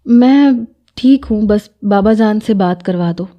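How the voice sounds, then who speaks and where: A woman voicing an anxious young woman on the phone, pleading and high-strung. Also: highs cut off, natural voice. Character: distressed young woman calling from abroad.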